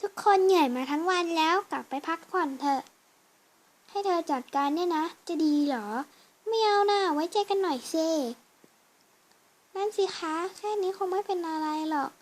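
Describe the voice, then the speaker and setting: A woman performing a fan voice drama, switching quickly between characters. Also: very high voice. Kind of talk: fan voice drama with many roles.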